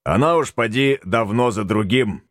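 A man's voice: mid-range voice, normal speed, no room sound, clean studio sound, pitched above the performer's own voice, lightly acted. A man voicing a folksy, bossy tsar in an audiobook, talking bluntly in homespun old-fashioned speech. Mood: chiding. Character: folksy bossy male tsar, middle-aged. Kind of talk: audiobook character voice.

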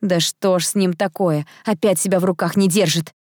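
A woman's voice: lowish voice, steady tone, brisk, darkish tone, no echo, clean studio sound, close to an everyday voice. A woman reading an audiobook, voicing a proud young crown prince who is sarcastic and snaps in anger. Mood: angry. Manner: sarcastic, snapping.

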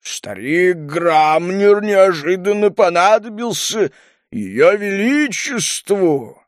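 A man voicing a huge, gruff old male kobold smith who talks in a slow growling rumble. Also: lively intonation, dry recording, studio quality. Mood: growling scornful. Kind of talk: audiobook character reading.

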